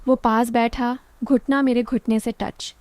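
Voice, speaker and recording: A woman narrating a first-person story in short, clipped sentences with a plain, even delivery. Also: a little high, unhurried, no echo.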